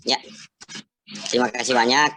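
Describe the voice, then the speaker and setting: Halting man with a voice-changer effect. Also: mid-range voice, steady tone, bright, forceful tone, a little hiss or hum. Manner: halting, hesitant phrasing. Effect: voice changer, disguised voice. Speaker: mentor from an education office. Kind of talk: formal spoken feedback. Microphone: video call.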